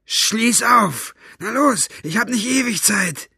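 A man reading aloud and voicing a brutal, bullying male henchman who barks contemptuous threats in a raised, higher voice. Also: fairly even intonation, fairly quick, fairly bright tone, no room sound, studio quality. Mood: angry.

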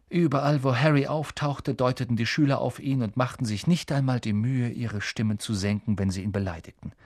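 A male narrator reads a novel aloud in an expressive storytelling manner, leaning into key words with lively emphasis. His voice sits at an ordinary middle pitch. The recording is close and dry, with no room echo. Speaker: audiobook narrator. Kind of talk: scripted audiobook narration.

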